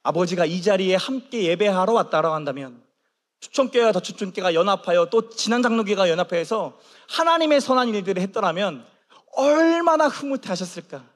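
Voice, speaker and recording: A male pastor preaching a sermon in a church, telling stories with animated acted-out dialogue. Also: high-pitched, brisk. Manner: animated storytelling, acts out quoted dialogue. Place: church sanctuary. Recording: long reverb of a church hall.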